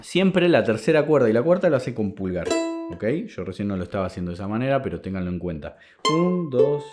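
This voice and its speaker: A man's voice: lowish voice, lively intonation, fast, loud music behind the voice. Man teaching charango. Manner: counts beats aloud and sings syllables while explaining. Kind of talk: step-by-step music lesson. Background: plucked charango.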